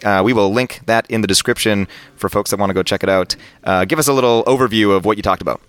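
A man's voice: lowish voice, fast talker, fairly bright tone, clean tone. A man hosting a podcast, interviewing people live at a conference in an upbeat way, often repeating words. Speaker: podcast host. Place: busy conference venue.

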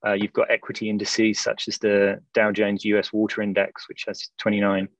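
A man speaking as an analyst guest in a podcast interview, explaining in a measured, hesitant way with repeated words. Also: lowish voice, monotone, no room sound.

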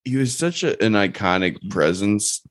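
Deep-voiced young man, profane casual talk. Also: normal speed, no room sound. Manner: profane, animated storytelling. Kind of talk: casual chat.

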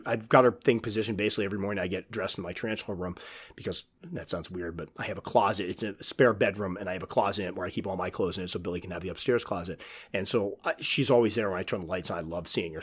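A man's voice: on the low side, slightly rough. Man with whistling S sounds, chatting enthusiastically. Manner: animated storytelling, acting out quoted reactions. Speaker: host, tarantula keeper. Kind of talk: casual enthusiast countdown monologue.

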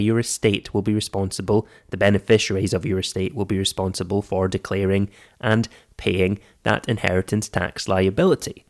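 A man with a croaky, froggy voice, hoarse from flu, presenting a podcast in a semi-scripted, explanatory way. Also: lowish voice. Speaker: podcast host. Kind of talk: scripted personal finance podcast narration.

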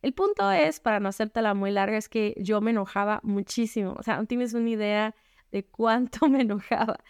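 A woman with a medium-pitched, slightly mellow, smooth voice speaks fairly quickly, sharing a candid faith testimony with other women. Her conversational, frank delivery is sprinkled with a rhetorical "¿no?". The studio-quality audio has no echo.

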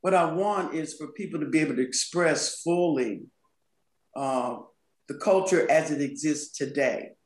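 A woman's voice: low-pitched, measured pace, darkish tone. A woman guest speaks in a thoughtful, emphatic way on a podcast and laughs easily. Her voice rings with plenty of room echo. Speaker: guest, culture and communication consultant. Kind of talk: podcast conversation.

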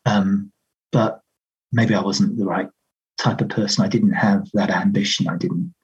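A man's voice: on the low side, steady tone, unhurried, slightly rough, lo-fi sound. A middle-aged man, a radio presenter reminiscing conversationally in an interview. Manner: conversational anecdotes, quoting others' remarks.

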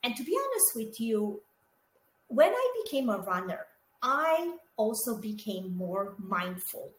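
Speaking at a measured pace with big pitch swings in a slightly high voice, a middle-aged woman from Romania co-hosts a podcast. She keeps it casual and chatty, with plenty of fillers and asides for listeners, in an echoey room carrying faint background noise.

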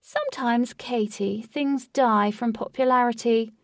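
A woman reading a storybook, voicing a smug, theatrical male host who speaks slowly and grandly. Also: a little high, fairly even intonation, no room sound, studio quality, recorded from a distance, voice pushed up. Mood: grandiose. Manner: slow, drawn-out, lofty phrasing.

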